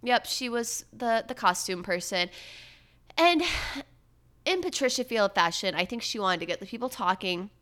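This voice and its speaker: A woman hosts a casual pop-culture chat in a bright, ringing voice. She is gossipy and sarcastic, and her pitch jumps up high when she gets worked up. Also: animated, moderate pace. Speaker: podcast host.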